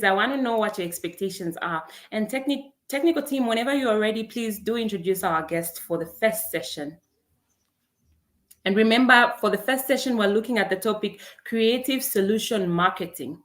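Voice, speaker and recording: Reading chat names aloud, a young Zambian woman cheerfully welcomes attendees to the career webinar she is hosting live on a video call. Her voice has a medium pitch and a fairly bright tone.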